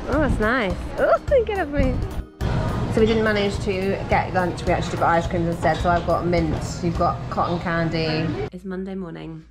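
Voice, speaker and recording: Woman, middle-aged, relaxed travel vlogger, chatty with a laugh, music under the voice. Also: fairly low pitch, moderate pace. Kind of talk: casual travel vlog.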